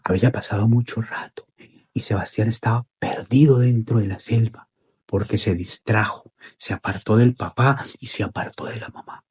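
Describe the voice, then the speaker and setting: A man telling a children's story in an expressive, repetitive way with dramatic pauses. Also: on the low side, slightly rough.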